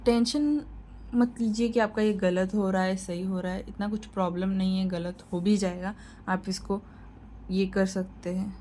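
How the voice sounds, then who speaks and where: A woman's voice: medium pitch, little pitch movement, normal speed, mellow, slight background noise, poor audio. Woman teaching step by step. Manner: instructive, repeats points, reassuring. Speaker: shorthand teacher. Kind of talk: tutorial lesson.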